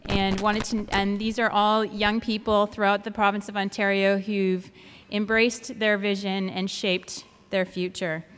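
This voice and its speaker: A woman giving a formal, somewhat halting introduction as the host of a panel event. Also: mid-range voice. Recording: echoey hall, noisy background.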